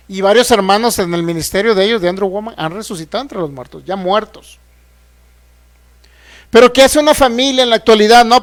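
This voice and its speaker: High-voiced man preaching. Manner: preaches with rhetorical questions to the congregation; acts out quoted voices and prayers. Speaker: pastor teaching a healing course. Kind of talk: sermon.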